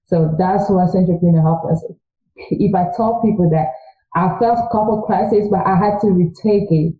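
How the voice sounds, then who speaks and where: A young Congolese woman whose first language is French appears as a guest in a casual interview, a recent college graduate speaking earnestly and chattily and voicing her own thoughts aloud. Her voice is on the low side and warm, at normal speed, heard over a tinny, phone-like line in an echoey room.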